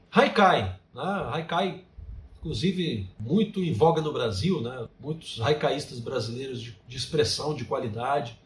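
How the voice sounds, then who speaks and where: Brazilian man lecturing in an echoey room. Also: on the high side. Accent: Brazilian Portuguese. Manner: frequent tag "né?", recites his own poems with feeling. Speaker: creative writing teacher. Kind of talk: online course lecture.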